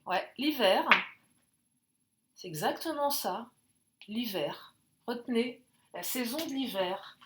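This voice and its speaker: A woman's voice: on the high side, lively intonation, slow, long pauses, noisy background. A woman doing a casual card reading, chatty and jokey, thinking aloud with many fillers. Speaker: tarot and oracle card reader.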